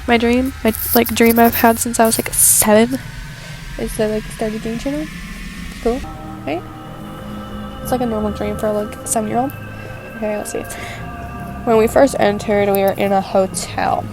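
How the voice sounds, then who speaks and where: A woman's voice: fairly high pitch, steady tone, normal speed, pauses often, over music, poor audio. A young woman with a stuffy cold rambling casually through gameplay commentary, full of "like" and fillers. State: stuffy and sick, coughing. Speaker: gaming video host.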